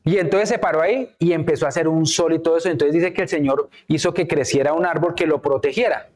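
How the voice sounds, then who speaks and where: A man's voice: on the high side, fast talker, a little mellow. A man preaching a sermon to a church congregation, often checking in with the listeners and acting out the words of biblical characters. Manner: frequent rhetorical checks with the congregation. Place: church in Canada.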